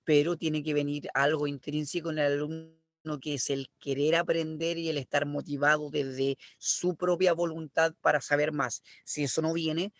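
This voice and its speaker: A middle-aged man with a Chilean Spanish accent teaches an online language class, explaining things step by step and often checking in with "¿ya?" and "¿me explico?" His voice is fairly high pitched with a flat delivery at normal speed, and there's no room sound.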